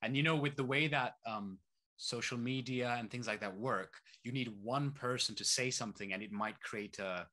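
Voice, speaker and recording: In a conversational interview, an activist who grew up in both Saudi Arabia and East London fires off rhetorical questions with animated energy. His voice sits at medium pitch, moves at a normal speed, and has a sharp edge.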